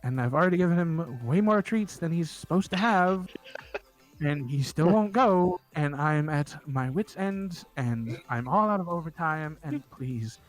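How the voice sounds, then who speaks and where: A man's voice: a little high, animated, measured pace, soft background music. A man voicing a weary male guard who hasn't slept all night and is at his wit's end. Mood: desperate. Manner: tired, sighing, pleading.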